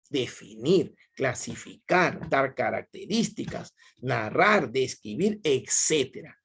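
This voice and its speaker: Male teacher, lively pitch, husky voice, online class, keeps checking in with students. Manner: repetitive, checks in with "ok?" often, quizzes students.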